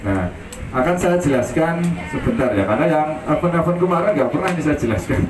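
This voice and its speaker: A man hosting a children's coloring contest, leading the kids in energetic call-and-response chants. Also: fairly high pitch, fairly quick, music in the background. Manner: energetic cheerleading, chanting and shouting prompts. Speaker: event host and organizer. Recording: echoey far-off PA with loud noise.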